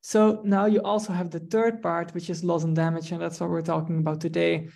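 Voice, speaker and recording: A man from the Netherlands, giving an online research presentation over a video call, measured and full of ums. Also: fairly high pitch, flat delivery, gravelly, darkish tone. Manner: measured, with frequent ums and restarts.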